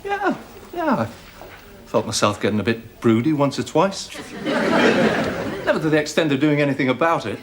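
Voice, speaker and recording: An actor playing a wry hospital anaesthetist, musing in dry, joking asides. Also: male voice, on the high side, wildly swooping pitch, moderate pace, long pauses, very noisy. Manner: dry, storytelling humour, musing.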